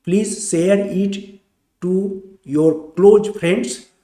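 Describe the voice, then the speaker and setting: A man teaching chemistry in a slow, deliberate lecture, repeating each point step by step. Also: high-pitched, mellow, echoey room.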